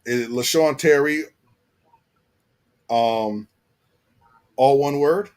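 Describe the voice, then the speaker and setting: A man's voice: mid-range voice, takes it slowly, darkish tone. An American man hosting a casual live chat, slangy and fond of repeating phrases for emphasis. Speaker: live stream host.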